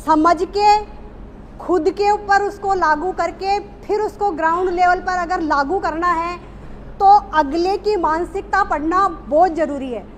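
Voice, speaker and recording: A woman's voice: extremely high pitch, unhurried, a little hiss or hum. A woman speaking to a small group at a speaking workshop, reflecting on what she has learned, hesitant, with many fillers and restarts. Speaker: workshop participant.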